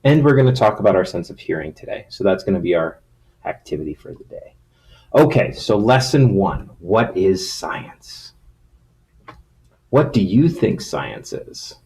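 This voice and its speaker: A man with a fairly low voice teaches little kids in the manner of a children's show host. He speaks in simple phrases, puts questions to his young listeners and reads to them like a primary school teacher. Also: big pitch swings, unhurried, creaky, darkish tone. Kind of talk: recorded science lesson for young children, reading stories aloud.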